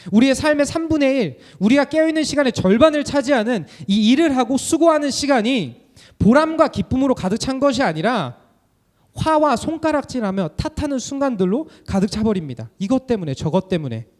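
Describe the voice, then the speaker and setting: A young man preaching a sermon as a student minister, animated and full of rhetorical questions. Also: very high-pitched, brisk.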